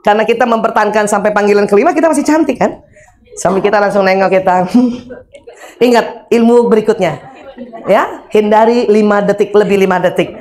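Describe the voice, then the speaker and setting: In a brisk, mid-range voice, a middle-aged woman lectures on faith, marriage and parenting. She's humorous and animated, dramatizing familiar daily moments.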